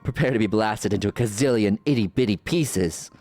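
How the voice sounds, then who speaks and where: A man voicing a haughty, mocking ancient sorceress from a game, speaking in slow theatrical villain menace. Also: on the low side, a little mellow, faint music behind, natural voice. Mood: taunting menace. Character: haughty sardonic ancient sorceress villain, memory manifested, woman. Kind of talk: reading game dialogue aloud in character.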